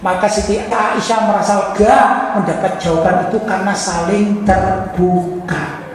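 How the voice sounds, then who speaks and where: A woman's voice: mid-range voice, a little fast, slight background noise. A woman giving a religious lecture, quizzing her listeners and acting out quoted dialogue. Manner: animated, quizzes the audience and acts out quoted dialogue. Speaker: preacher. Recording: echoey hall with long reverb.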